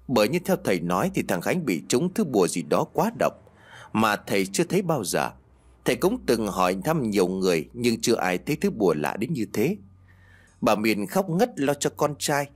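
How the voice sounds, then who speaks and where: A man narrating a ghost story in a scripted storytelling style, lively and shifting his tone for each character. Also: fairly low pitch, husky. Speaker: audiobook narrator.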